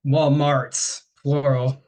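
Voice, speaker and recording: A man's voice: mid-range voice, level tone, very slow, darkish tone. A man from the northeastern US co-hosting a podcast in an unplanned, casual chat, joking and laughing often. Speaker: podcast co-host. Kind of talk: casual conversation.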